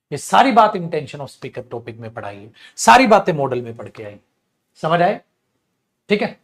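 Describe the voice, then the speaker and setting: A man with a Hindi accent teaching English grammar in an online class, animated and scolding, calling his students beta. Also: fairly high pitch.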